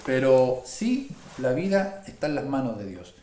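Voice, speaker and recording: A man talks through a Bible study in an earnest way, slowing down and leaning on the verses he quotes. His voice is dark and mellow, and it rings around a roomy space. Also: mid-range voice, sing-song, a little hiss or hum. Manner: earnest, slows and stresses key phrases when quoting scripture. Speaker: pastor. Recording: echoey room.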